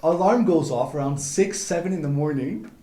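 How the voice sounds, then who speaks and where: A man's voice: a little high, expressive, normal speed, mellow. A man from Colombia hosting a casual interview chat in a radio studio, upbeat and laughing often as he talks. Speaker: host. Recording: roomy studio sound.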